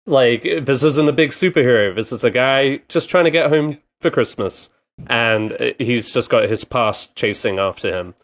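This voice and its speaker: A man in casual podcast chat. He rambles and halts, filling gaps with ums and uhs. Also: mid-range voice. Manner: rambling, halting with many fillers. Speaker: podcast co-host.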